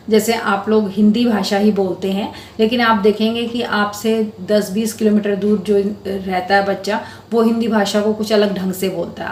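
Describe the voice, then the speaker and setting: A woman's voice: mid-range voice, slight background noise. Patient woman Hindi teacher, echoey room. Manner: patient, explains terms step by step to children; addresses students affectionately as beta. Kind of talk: school lesson explanation.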